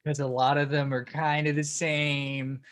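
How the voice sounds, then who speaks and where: A man's voice: a little high, little pitch movement, unhurried, fairly bright tone. A man co-hosting a podcast review, laid-back and casual, with dry quips. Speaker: podcast co-host.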